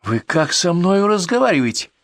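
A man voicing a spiteful, shrill female neighbor who mocks and shrieks sarcastically, with a dry sound. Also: very animated, moderate pace, dry recording.

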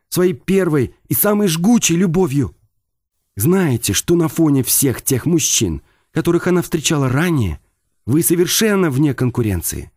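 A man reading a novel aloud, voicing a sharp-tongued female talking bird in a hushed, scolding manner. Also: on the high side, no room sound, clean studio sound, voice pushed up.

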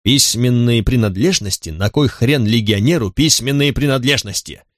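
A man's voice: medium pitch, moderate pace, dry recording, clean studio sound, lightly acted. A man voicing a brutal, contemptuous male centurion drill instructor who barks at recruits in an audiobook. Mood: mocking. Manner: barking, contemptuous.

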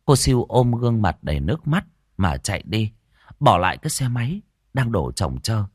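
A man narrating a dramatic story in an expressive storytelling manner. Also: on the low side, moderate pace, no echo, clean studio sound. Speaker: audiobook narrator.

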